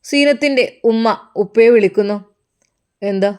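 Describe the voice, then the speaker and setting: A woman's voice: fairly high pitch, moderate pace, darkish tone. A woman narrating a story plainly in a Malappuram Malayalam accent.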